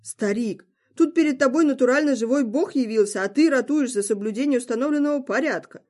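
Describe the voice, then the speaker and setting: A woman's voice: medium pitch, animated, normal speed, darkish tone, close to an everyday voice. A woman reading the part of a teasing trickster god with a theatrical, mocking delivery. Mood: mock indignant. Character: sly mocking trickster god, male, grown man.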